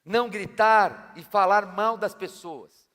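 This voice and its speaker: Paulista pastor preaching, high voice, loud and slangy, big hall echo. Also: male voice, slow. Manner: emphatic and colloquial, slangy asides to the congregation. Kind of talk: sermon. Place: church hall. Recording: long church-hall reverb.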